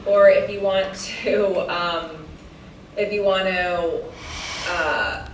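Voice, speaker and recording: A woman's voice: medium pitch, fairly even intonation, extremely slow, recorded from a distance, a little hiss or hum. Chatty woman, off-mic in a roomy space. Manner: encouraging, chatty, lots of fillers. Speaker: interviewer and producer. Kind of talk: casual directing of a recorded interview. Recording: roomy, off-mic with faint ambience.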